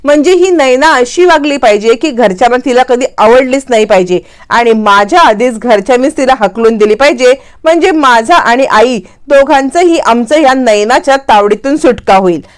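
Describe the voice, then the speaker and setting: A woman's voice: high-pitched, normal speed, few pauses, clear, resonant tone, natural voice. A woman voicing a scheming young husband, coaxing and smug as he misleads his wife.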